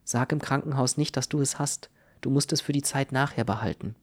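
A man's voice: medium pitch, brisk, natural voice. A man doing an earnest, protective young man. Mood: urgent. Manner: calm, earnest, reassuring. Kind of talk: audiobook reading.

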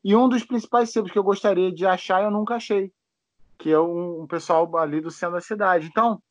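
A man's voice: high voice, fairly even intonation, brisk, dry recording. A Brazilian man hosting a podcast, chatting casually, rambling with many restarts and casual swearing. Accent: Brazilian Portuguese. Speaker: podcast host. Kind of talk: casual chat. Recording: dull lo-fi dry sound.

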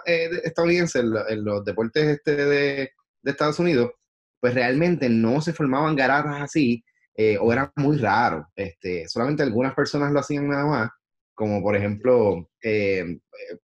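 A man with a Puerto Rican Spanish accent joins a podcast as a guest. He explains things in a casual, thoughtful way, pausing on fillers at a middle pitch. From Puerto Rico. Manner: thoughtful, many fillers like "este". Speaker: podcast guest, former sports TV worker.

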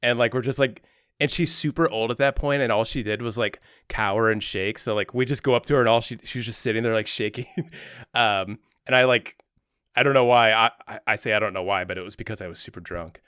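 Brief: young male podcast guest, relaxed rambling talker, dry close-miked sound. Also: lowish voice, brisk, smooth, dry recording. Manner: laid-back, rambling with lots of "like" and "um". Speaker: podcast co-host, special guest. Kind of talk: casual chat.

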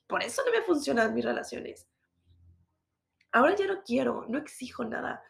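A woman's voice: high voice, lively intonation, normal speed, gravelly. A woman in her thirties with a Mexican accent, talking bluntly and profanely in a casual confessional monologue. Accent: Mexican Spanish. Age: 30s. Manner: blunt and profane, mocks her own past self.

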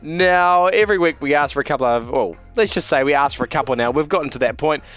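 A man's voice: a little high, fast talker, a bit bright. A man hosting a light news chat in a playful, bantering way. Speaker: radio host. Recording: music playing behind. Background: music.

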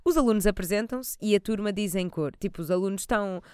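A woman's voice: mid-range voice, fast talker, darkish tone, clear, resonant tone, no room sound, studio quality. A woman with a European Portuguese accent doing casual, humorous commentary in a chatty, slangy way, slipping into mimicked asides. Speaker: commentator reviewing a TV series.

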